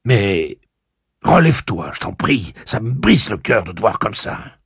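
A man reading an audiobook and voicing a loyal, warm-hearted young man who speaks earnestly and emotionally. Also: fairly low pitch, sing-song, measured pace, vocal fry, slightly rough, dry recording, studio quality, pitched above the performer's own voice, heavily acted. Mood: pleading.

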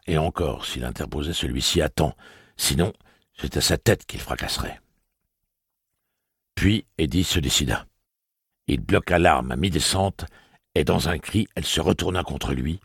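A man narrating an audiobook with an expressive, dramatic reading. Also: very deep voice, creaky, breathy edge, no echo, studio quality. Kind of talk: scripted narration.

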